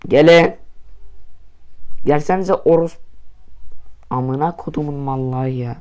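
A young man talks over his own football match in a slightly high voice. He swears constantly, yelling at goals and dropping to low mutters in between. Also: slow pace, clean tone. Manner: swearing, excitable, shouts at goals then mutters. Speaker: gamer commentating his own play. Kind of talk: casual gaming commentary.

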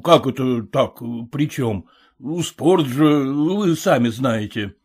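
A man's voice: mid-range voice, expressive, takes it slowly, breathy edge. A man voicing an exasperated male circus wrestling announcer in an audiobook reading. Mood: puzzled. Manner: bellowing, exasperated, pleading.

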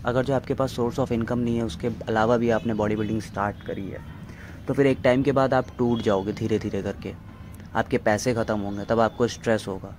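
A young man talks as a fitness host, earnest and blunt, mixing English words into his advice. His voice sits at a medium pitch. A faint hiss of noise runs under the voice-over. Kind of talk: voice-over motivational talk.

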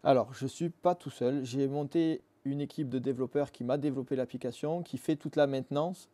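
A man's voice: medium pitch, fairly even intonation, brisk, mellow. Earnest man founder, darkish tone. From Marseille, France. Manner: earnest, explains step by step with fillers. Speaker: app founder, guest. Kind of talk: casual interview. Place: dim motorcycle workshop studio.

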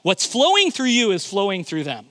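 A man's voice: sits high, huge pitch swings, normal speed, sharp tone, no room sound. A male pastor preaching a sermon, emphatic and often repeating his words as he begins a thought.

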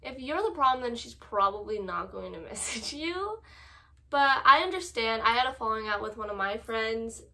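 A young woman in casual chat, reading messages aloud and giving advice in a halting, informal way. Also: a little high, animated, gravelly, pushed and bright. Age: young adult. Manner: halting, informal, filler-heavy. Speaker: co-host reading viewer confessions and giving advice. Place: small room at home, indoors.

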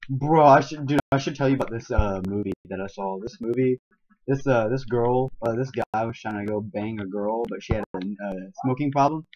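A man's voice: mid-range voice, fairly quick, a little mellow, a little hiss or hum. A young man in casual chat with a friend, rambling through a story with restarts, laughter and the odd swear. His voice sits mid-range and the recording is dull and lo-fi. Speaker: channel co-host.

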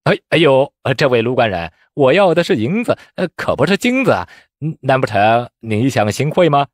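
A man voicing a greedy, cowardly male exam official who mocks candidates with a shrill, sneering voice. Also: very animated, normal speed, no room sound, clean studio sound. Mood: wheedling. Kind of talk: storytelling voice acting.

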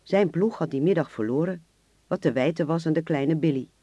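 A man narrating a radio drama in a measured, even storytelling voice. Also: a little high, breathy edge, dry recording, muffled recording.

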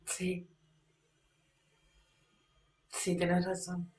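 An actress plays an Argentine woman left by her lover, talking into the phone to a man we never hear. She speaks slowly and softly, letting long pauses hang, in a voice that rings in an echoey room. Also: on the low side, monotone, recorded from a distance. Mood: hushed, pleading. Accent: Argentine Spanish. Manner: speaks to an unheard caller, breaks into screams and sobs. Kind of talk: stage monologue on the phone.

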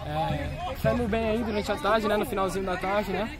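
Soft-spoken footballer man, high voice. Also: moderate pace, over a noisy crowd. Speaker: amateur footballer. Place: outdoor football pitch at night.

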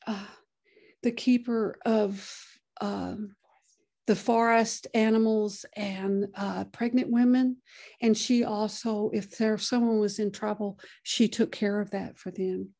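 A woman giving a lecture, often pausing and restarting her sentences. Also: mid-range voice, gravelly, darkish tone. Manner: halting, many restarts and fillers. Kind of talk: lecture presentation.

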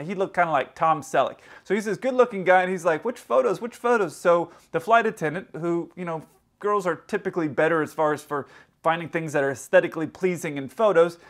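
Male pilot in his thirties, slightly raised pitch, chatty vlog storyteller on camera from a hotel room. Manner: animated, acts out other people's lines in quick quoted bits. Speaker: airline pilot telling stories.

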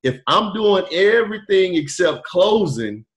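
A middle-aged man, a podcast guest, telling his story in a relaxed, rambling way with many fillers over a video call. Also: sits high, measured pace. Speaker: podcast guest, truck driver turned wholesaler. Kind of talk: casual storytelling interview. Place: indoor room, video call. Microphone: webcam on video call.

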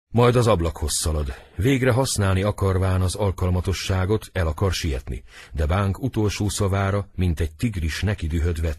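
A man narrating the stage directions of a play as an audiobook, in a measured dramatic reading. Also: sits low, a little mellow, slightly rough, no echo, clean studio sound.

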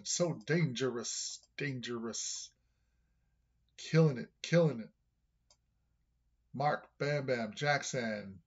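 A man's voice: medium pitch, creaky, slightly rough, muffled recording. A man hosting a music reaction video, talking to his viewers in a casual, enthusiastic and rambling way.

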